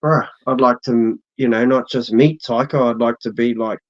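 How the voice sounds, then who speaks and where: A man's voice: mid-range voice, steady tone, moderate pace. A man with a broad New Zealand accent chatting casually as an interview guest, in a laid-back, slangy way. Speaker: interview guest, social media creator. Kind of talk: casual chat. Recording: dull, muffled lo-fi audio.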